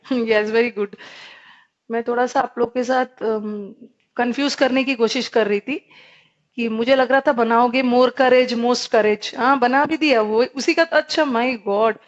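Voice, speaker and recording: A woman's voice: a little high, fairly even intonation, a little slow, dull audio. A woman with an Indian English accent teaching a live online grammar class, explaining in Hindi mixed with English and asking her students questions.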